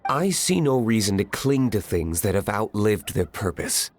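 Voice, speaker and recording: An actor playing a terse, brooding young tavern owner. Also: male voice, fairly low pitch, sing-song, moderate pace, a little hiss or hum. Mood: cold. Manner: terse and cold. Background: game music.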